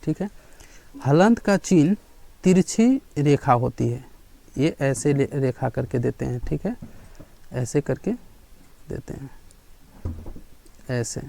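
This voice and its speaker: A male teacher giving a grammar lesson in a classroom style, often pausing to check in and asking questions that he then answers himself. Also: mid-range voice, creaky, mellow. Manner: checks in with students again and again, asks and answers his own questions.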